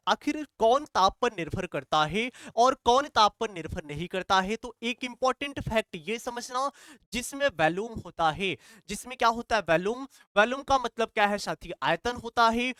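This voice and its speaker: A male chemistry teacher lectures in a bright, forceful voice that stays clear and smooth. He drills every point by asking a question and answering it himself. The sound is dry and close. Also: very high-pitched, no echo. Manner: repetitive call-and-response questioning. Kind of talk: classroom lecture.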